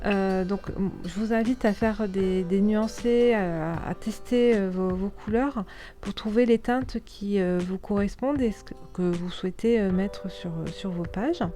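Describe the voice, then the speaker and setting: A woman narrating a craft tutorial in a casual, hesitant way, with many pauses and restarts. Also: medium pitch, dark tone, soft background music. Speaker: scrapbooking tutorial host.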